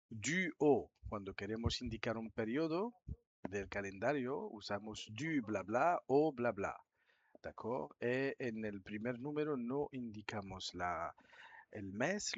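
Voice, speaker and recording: A man gives a language lesson at an unhurried, deliberate pace. He lays out each phrase carefully and explains it with patient care. The recording is a little dull and lo-fi. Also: medium pitch. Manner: slow, deliberate dictation with patient step-by-step explaining. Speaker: French teacher.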